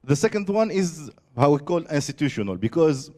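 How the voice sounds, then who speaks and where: Halting man, mellow voice. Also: fairly high pitch, very animated. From Tunisia. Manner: halting, searching for words with many fillers. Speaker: presenter. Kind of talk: conference presentation.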